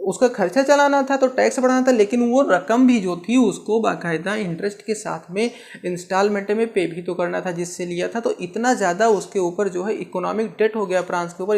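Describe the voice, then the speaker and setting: A teacher giving an exam-prep history lecture, asking rhetorical questions, answering them straight away, and explaining terms with everyday comparisons. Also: medium pitch. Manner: keeps checking in with "ठीक है".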